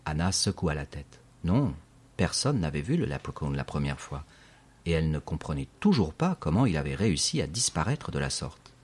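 Deep, husky male narrator. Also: normal speed. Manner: steady, clear reading, reading dictionary entries. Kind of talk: scripted audiobook narration.

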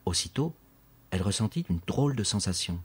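A man reads a children's story aloud with steady, expressive narration. His voice is very deep and carries a husky, breathy grain. He paces the scenes like a seasoned audiobook reader. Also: a little fast.

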